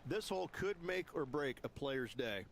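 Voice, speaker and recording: A man giving measured, explanatory colour commentary in a golf video game. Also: medium pitch, lively intonation, a little hiss or hum, natural voice. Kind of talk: sports commentary.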